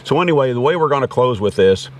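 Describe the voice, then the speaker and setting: Far from the microphone, an American man reviews gear on his vlog, casual and unscripted, with a folksy ramble. His medium-pitched voice is expressive and quick, and background noise is clearly audible.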